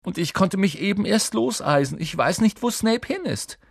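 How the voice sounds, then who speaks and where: A man reading aloud, voicing an earnest, anxious schoolgirl who talks in a high, urgent way. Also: lively intonation, normal speed, gravelly, husky, dry recording, studio quality, full character voice. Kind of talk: audiobook character voice.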